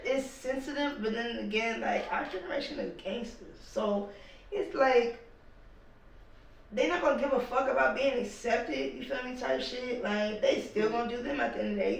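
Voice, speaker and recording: A rapper guest talking casually and emphatically on a podcast, with lots of slang and cursing. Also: male voice, very high-pitched, gravelly, fairly bright tone. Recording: echoey room, mic at a distance.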